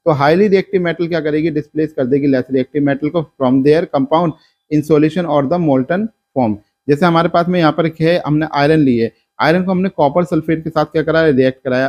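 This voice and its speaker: A man's voice: a little high, darkish tone, muffled recording. A male science teacher from India giving a lecture, asking and answering his own questions step by step. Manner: explains step by step, asks and answers his own questions, mixes in English terms. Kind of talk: classroom lecture.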